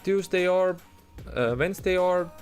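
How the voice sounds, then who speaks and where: Over soft background music, a man with a high-pitched voice and an Estonian accent streams live at an unhurried pace. His casual commentary is loose and chatty as he responds to chat, full of fillers and false starts.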